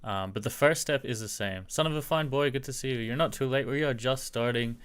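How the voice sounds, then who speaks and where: This man, whose speech carries a faint American accent, walks viewers through a software tutorial on a live stream, responding to them in a relaxed, conversational way. He speaks at a medium pitch and a fairly quick pace, with a clean tone.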